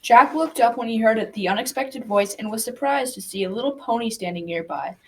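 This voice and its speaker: A girl of about twelve or thirteen narrates a folktale radio drama from a script, reading aloud and now and then tripping over words. Her natural voice is fairly high, a bit bright, and fairly quick. It's a noisy amateur school recording.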